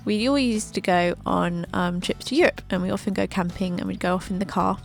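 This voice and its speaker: A woman's voice: medium pitch, fairly even intonation, brisk, gravelly, faint music behind. A woman, narrating her own life story with chatty, joking asides. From England. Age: 20s. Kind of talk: scripted narration over a drawing video.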